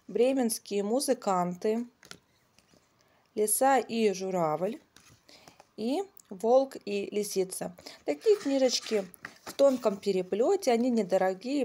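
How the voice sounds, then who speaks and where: Woman, mellow warm tone, average pitch, casual explanatory review, instructive step-by-step delivery. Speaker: children's reading tutor and channel host.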